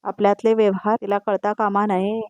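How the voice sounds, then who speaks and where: A woman's voice: mid-range voice, flat delivery, brisk, darkish tone, dry recording, lightly acted. A woman reading the lines of a scheming woman boss who gives curt orders. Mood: commanding. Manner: curt, commanding.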